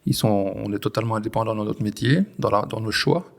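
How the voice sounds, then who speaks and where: A man in his forties with a Belgian French accent, a farmer explaining his work in an interview, pausing and restarting often. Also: lowish voice, creaky. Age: 40s. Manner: hesitant, many restarts and fillers. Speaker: farmer, guest. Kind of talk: conversational interview.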